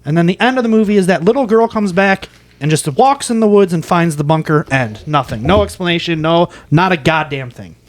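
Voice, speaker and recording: High-voiced man rambling through a plot. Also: expressive, brisk. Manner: rambling recap, teasing. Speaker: podcast co-host. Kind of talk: casual movie chat.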